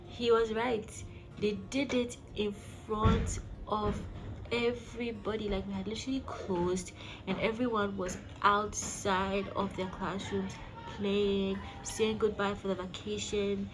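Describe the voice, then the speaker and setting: A woman's voice: mid-range voice, level tone, unhurried, noisy background. A woman vlog host telling a personal story casually and emphatically, speaking directly to her listeners. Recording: background music behind the voice. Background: music.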